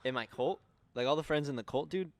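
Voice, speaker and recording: A man's voice: on the high side, fairly quick, dry recording. A young man co-hosting a casual podcast chat, loose and profane with lots of slang. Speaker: podcast co-host.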